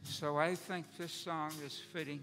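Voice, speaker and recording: An older man, a church deacon, speaking earnestly and haltingly to the congregation. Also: fairly high pitch, fairly even intonation, over loud music. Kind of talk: personal words before prayer. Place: church sanctuary. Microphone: lectern microphone. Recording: church hall reverb.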